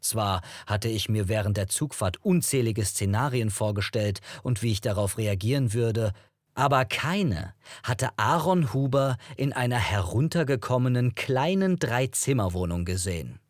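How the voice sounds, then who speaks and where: A man reading a first-person novel as an audiobook narrator, in an even, measured storytelling manner. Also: mid-range voice, no room sound, studio quality.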